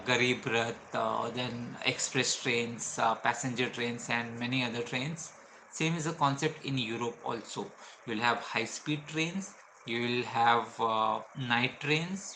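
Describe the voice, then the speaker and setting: Indian-accented male vlogger, bright forceful tone, faint ambient noise; patient explainer. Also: mid-range voice, low-quality recording. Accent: Indian English. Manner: explains step by step with frequent uh fillers. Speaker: travel vlogger. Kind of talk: explanatory travel tips.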